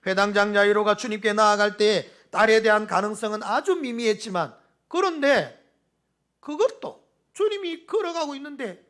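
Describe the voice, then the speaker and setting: A male pastor with a Gyeongsang accent delivers an impassioned Sunday sermon in a high voice. His pitch sweeps widely, and he drops from ringing appeals to near-whispers. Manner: impassioned, swinging between loud appeals and whispers.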